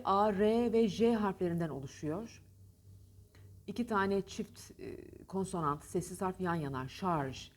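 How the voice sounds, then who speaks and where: A woman teaching a diction lesson, speaking emphatically and over-articulating words, repeating them slowly. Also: on the low side, darkish tone.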